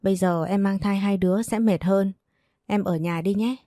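A woman's voice: mid-range voice, steady tone, moderate pace, warm tone, dry recording, clean studio sound, close to an everyday voice. A woman voicing a caring, protective young husband in a read-aloud storybook. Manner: caring, coaxing.

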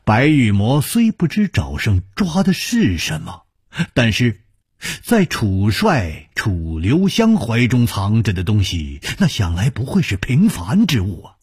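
A man telling a traditional Chinese story with dramatic, drawn-out phrasing. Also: on the low side, huge pitch swings, a little mellow, slightly rough, no echo, clean studio sound.

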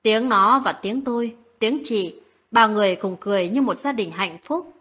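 A woman narrating a late-night romantic story in a calm, steady reading voice. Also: mid-range voice, normal speed, husky.

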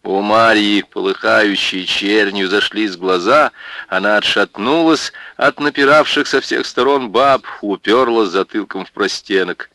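A man reading a novel aloud as an audiobook narrator, in measured, expressive storytelling. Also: lowish voice, no echo. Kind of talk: scripted narration.

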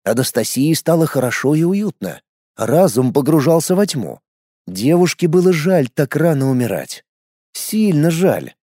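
A man reads a fantasy story in a mellow, darker voice that sits somewhat high. His delivery moves lively up and down in pitch. The recording is dry and close. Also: moderate pace, dry recording. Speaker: audiobook narrator. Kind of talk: scripted fantasy narration.

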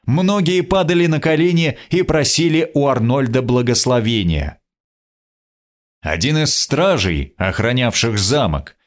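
A man reading a first-person adventure story aloud as an audiobook narrator, expressive in delivery. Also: mid-range voice.

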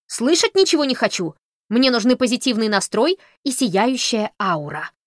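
Female narrator doing a vain, theatrical eccentric man for an audiobook, lifted pitch. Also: sing-song, slow pace, fairly bright tone, no room sound, clean studio sound, heavily acted. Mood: shrill. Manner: solemn, grandiose, then shrill and agitated. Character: pompous eccentric man in silk robe.

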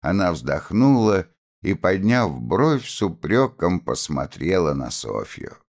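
A man reads a novel aloud with a very deep voice. He takes his time and lets his pitch rise and fall expressively as he tells the story. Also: sing-song, takes it slowly. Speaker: audiobook reader.

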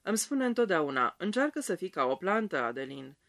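A man's voice: big pitch swings, vocal fry, no room sound, clean studio sound, exaggerated voice. A man voicing a self-absorbed middle-aged wife who talks shrilly and affectedly about her health. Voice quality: shrill, sharp.

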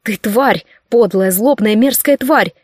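A woman's voice: fairly high pitch, slow, darkish tone, slightly rough, no room sound, clean studio sound. A woman reading an audiobook, voicing a frightened, furious young bride with a strained, hissing delivery.

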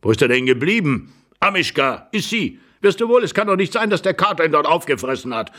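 A man voicing a fussy, excitable old husband who blusters hoarsely and shouts in agitation. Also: on the high side, fairly quick, voice pushed up. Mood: flustered alarm.

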